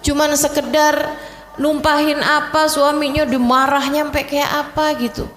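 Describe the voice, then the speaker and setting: A woman's voice: sits high, level tone, measured pace, a bit bright. A woman Islamic preacher, giving a religious lecture in casual storytelling speech and addressing her audience directly. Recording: echoey hall with long reverb.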